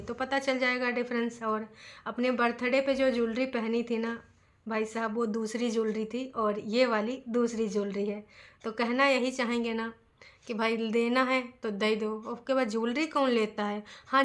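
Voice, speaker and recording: Chatty woman vlogger, slightly high voice. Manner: chatty, rhetorical, asks "hmm?" often. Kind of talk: opinionated commentary vlog.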